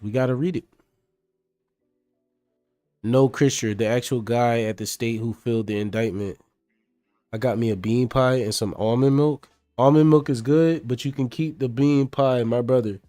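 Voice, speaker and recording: A man's voice: medium pitch, warm tone, no echo. A man on a casual live stream, reading pages aloud and chatting with viewers by name.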